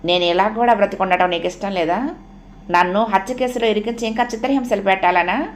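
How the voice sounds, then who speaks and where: A woman's voice: medium pitch, brisk, slight background noise, natural voice. A woman voicing a bitter, proud rich young man who speaks coldly and scornfully in a storybook reading. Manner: cold, cutting, scornful.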